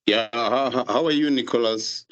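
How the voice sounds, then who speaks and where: A man's voice: mid-range voice, moderate pace, a bit bright. A man from Eswatini who joins a live webinar as an attendee, speaking politely and apologetically on a call. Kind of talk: asking a question on a live call. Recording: dull lo-fi video call audio.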